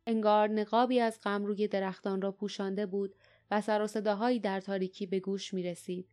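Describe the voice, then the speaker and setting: Calm woman audiobook narrator. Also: medium pitch. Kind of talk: scripted narration.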